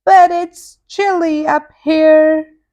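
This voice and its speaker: A woman's voice: sits high, steady tone, drawn-out words, warm tone, highs cut off, pitched above the performer's own voice. A woman voicing an easygoing, upbeat storybook cat, stretching out happy exclamations. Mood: delighted. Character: Pete, groovy, easygoing cartoon cat who sings. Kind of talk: children's storybook character voice.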